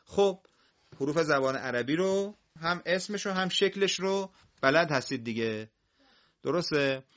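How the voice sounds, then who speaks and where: A man teaching a broadcast classroom lesson on Quran reading, patiently drilling single syllables loudly for his pupils and listeners. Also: fairly high pitch, lively intonation, highs cut off.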